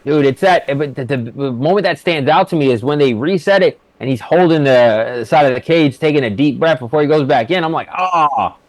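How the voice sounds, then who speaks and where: A man's voice: a little high, brisk, few pauses, a little mellow, no echo. A man giving casual, slangy fight commentary alongside a co-host. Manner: colloquial, slangy.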